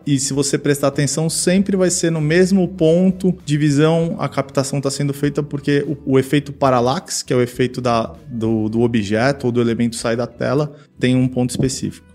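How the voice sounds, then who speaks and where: A man's voice: mid-range voice, fairly even intonation, a little fast, few pauses, darkish tone, faint music behind. A man speaking as an interview guest, explaining technical details casually with frequent fillers. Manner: explanatory, fills with "né". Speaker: guest, advertising executive.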